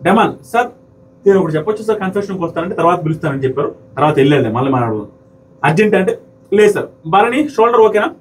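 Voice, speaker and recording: Male commentator, high and rapid, argumentative, acts out quotes; slightly distant mic with faint ambience. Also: very animated. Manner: heated, argumentative, mimics quoted speakers. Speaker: commentator reviewing a reality show episode. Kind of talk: fast opinionated commentary to viewers.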